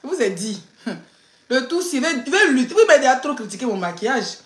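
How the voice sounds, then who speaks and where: A woman's voice: high-pitched, very animated, a little fast. A woman, a blogger and influencer chatting casually on a live stream, laughing, teasing and ranting. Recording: roomy echo.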